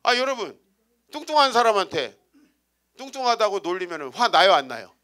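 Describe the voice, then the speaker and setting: A man's voice: high voice, big pitch swings, fairly quick, bright, forceful tone. A man in his forties, a guest pastor giving a humorous storytelling sermon in a church, teasing the congregation with rhetorical questions. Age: 40s. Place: church sanctuary.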